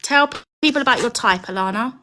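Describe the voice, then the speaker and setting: A woman with a high, bright, forceful voice. She hosts informally and briskly over a live video call, explaining things straight to the viewers. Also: a little hiss or hum. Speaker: dating show host.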